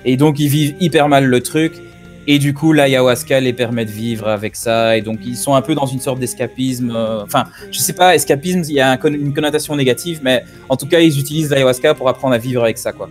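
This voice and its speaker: A man's voice: medium pitch, a little fast, soft background music. A man in a casual group discussion over a call, rambling with lots of fillers and asides. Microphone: computer on a call.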